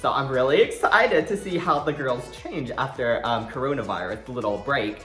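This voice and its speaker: A man's voice: medium pitch, expressive, moderate pace, fairly bright tone. A man co-hosting a casual video review, chatting in a sassy, slangy, campy way. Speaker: co-host of drag show review. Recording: roomy echo with music behind.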